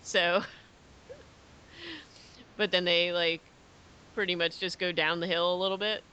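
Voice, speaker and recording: A woman's voice: lowish voice, steady tone, slow, bright, forceful tone, clear, resonant tone. A woman co-hosting a podcast, casually recapping episodes and agreeing often. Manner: agreeable, brief backchannels and easy recaps. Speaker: podcast co-host. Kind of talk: casual chat.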